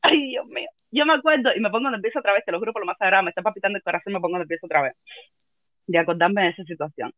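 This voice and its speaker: A woman's voice: medium pitch, very fast, dry recording, narrow, tinny audio. A woman with a Cuban accent telling a funny personal story in a dramatic, self-mocking way. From Cuba. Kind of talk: comic storytelling chat.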